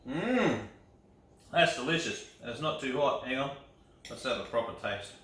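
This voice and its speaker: A man's voice: mid-range voice, sing-song, moderate pace, very echoey, recorded from a distance, a little hiss or hum, low-quality recording. A man, chatting casually through a home cooking vlog in an upbeat way. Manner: chatty, upbeat, laughs often. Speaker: cooking vlogger. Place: home kitchen.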